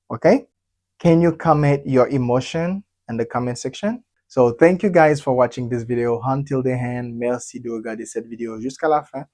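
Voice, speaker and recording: A man's voice: medium pitch, a little mellow. A man teaching English as a bilingual lesson, repeating phrases patiently and checking in with "ok?" after each one. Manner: drills phrases by repetition, keeps checking with "ok?".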